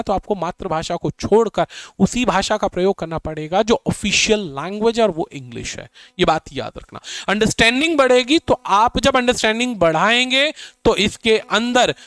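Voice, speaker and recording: Guy teaching exam prep, high voice, smooth and clear, talks right at the students. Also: expressive, normal speed, few pauses, fairly bright tone, dry recording. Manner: addresses students directly, acts out their doubts in quotes.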